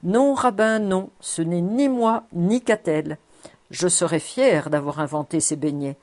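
A woman's voice: fairly low pitch, measured pace, darkish tone, lightly acted. A woman playing a jovial, teasing man. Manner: teasing, half mocking. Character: male landowner, jovial, teasing, fond of food.

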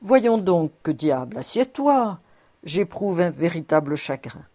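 A woman's voice: fairly low pitch, sing-song, a little slow, dark tone, full character voice. A woman voicing a jovial man who teases his old friend in a half-serious, half-mocking way. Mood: coaxing. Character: male landowner, jovial, teasing, fond of food.

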